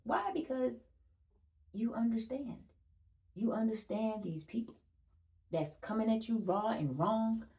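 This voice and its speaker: A woman's voice: on the high side, a little slow, vocal fry, long pauses, mellow, far from the mic. A young woman gives a casual spiritual energy reading, chatty and emphatic, repeating phrases, swearing and laughing often.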